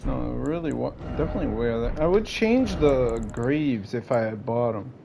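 A man's voice: medium pitch, expressive, moderate pace, creaky, warm tone, slight background noise. A man giving casual, offhand commentary while playing a game, often correcting himself and muttering. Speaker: gameplay streamer.

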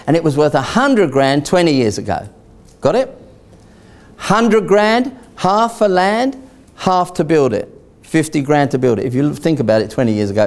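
A man presenting a live seminar, animated and rhetorical, constantly checking in with his audience. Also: fairly high pitch, gravelly. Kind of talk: live property investment seminar.

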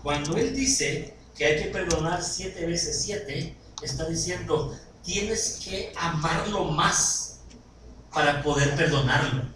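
A man preaching a sermon, animated and often asking his congregation questions. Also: a little high, slow pace. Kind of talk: sermon with anecdotes and jokes. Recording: echoey hall recorded from far off, noisy.

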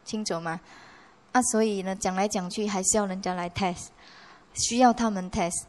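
A Buddhist nun giving a conversational dharma lecture in a monastery hall, slipping in English words and often asking her listeners whether they follow. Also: medium pitch. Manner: conversational, mixing English words, frequent rhetorical checks.

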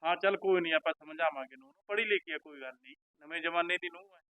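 A man with a Punjabi accent playing a mild village father who keeps calming his wife. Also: on the high side, fast, phone-quality sound, lightly acted. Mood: placating. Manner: soothing, placating, mild. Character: calm village father, easygoing peacemaker. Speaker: father, dairy shop owner.

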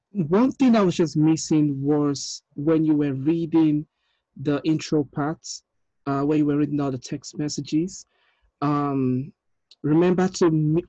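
A man directing a table read, giving relaxed, encouraging notes with plenty of ums. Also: a little high, no echo. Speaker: film director. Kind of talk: casual feedback after a table read. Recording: dull lo-fi dry audio.

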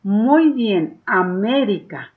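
A woman's voice: medium pitch, expressive, narrow, tinny audio. A woman teacher with a Mexican accent, patiently guiding first graders through a reading lesson, stretching out words for them to follow. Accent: Mexican Spanish. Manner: patient and warm, drawing out words slowly for children to read along. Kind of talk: slow, encouraging reading lesson to young children.

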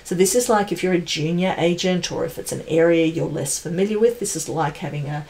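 A lowish, slightly mellow female voice at a fairly quick pace. The speaker, a tech presenter in her forties with a pre-sales role, gives an energetic, emphatic, conversational explainer about product announcements.

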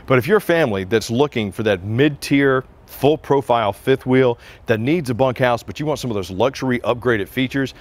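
On an outdoor sales lot, a man in his forties gives a walkaround review of an RV through a lapel mic. He speaks briskly in a mid-range voice with few pauses, keeping his salesman patter casual and upbeat.

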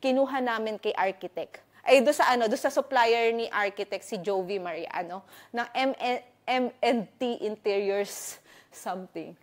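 Woman vlogger from the Philippines, slightly high voice, eager and chatty while walking through her new home, handheld mic. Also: moderate pace. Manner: excited, chatty, filler-heavy, switching between Tagalog and English. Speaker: vlogger giving a house tour. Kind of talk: casual chatty house-tour vlog.

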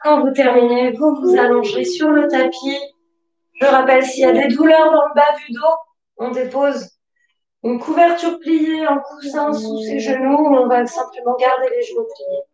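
A woman yoga teacher guiding a class with slow, calm spoken cues and pauses. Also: sits high. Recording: roomy, from a distance. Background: soft music.

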